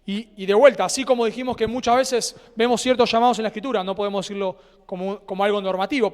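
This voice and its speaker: A male pastor with an Argentine Spanish accent, preaching a sermon earnestly, with dramatic pauses and phrases that trail off softly. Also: very high-pitched. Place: church sanctuary. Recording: church hall with long reverb.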